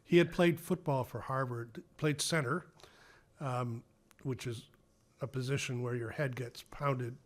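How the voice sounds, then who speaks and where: An older man speaking with an Ipswich, Massachusetts accent, settled into a casual conversation as a guest. He talks slowly and unhurriedly, wandering through asides and poking fun at himself. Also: mid-range voice, fairly even intonation. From Massachusetts, USA. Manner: rambling, self-deprecating, chuckling. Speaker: podcast guest.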